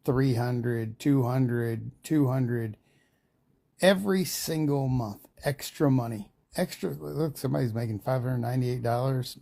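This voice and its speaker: A man's voice: mid-range voice, mellow. A man leading a network marketing team call, talking in a casual, emphatic and repetitive way. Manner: casual, chatty. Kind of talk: motivational call talk.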